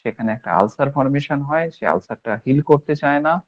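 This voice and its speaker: A man's voice: medium pitch, lively intonation, normal speed, muffled recording. A man from India giving an emphatic lecture on homeopathic remedies and acting out patients' complaints in quoted voices.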